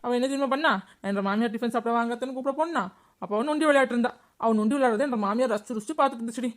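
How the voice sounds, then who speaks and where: Woman as young village daughter-in-law, complaining, brisk and a bit high; cartoon. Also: close to an everyday voice. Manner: plaintive and chatty, complaining. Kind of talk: cartoon voice acting.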